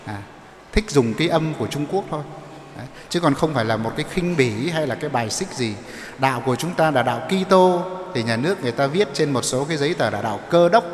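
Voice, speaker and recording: Priest preaching in an echoey church. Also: male voice, a little high, expressive, fast talker, slight background noise. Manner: explanatory, asks the congregation questions. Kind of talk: sermon. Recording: echoey church with long reverb.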